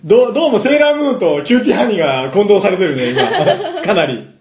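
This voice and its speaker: A man's voice: sits high, big pitch swings, quick pace. A man hosting a casual web radio show, teasing his co-hosts and laughing often. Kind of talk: casual chat. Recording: roomy echo.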